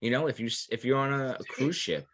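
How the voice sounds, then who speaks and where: A man's voice: medium pitch, quick pace, a bit bright. A man, a podcast co-host, rambling through his points with many fillers in casual chat.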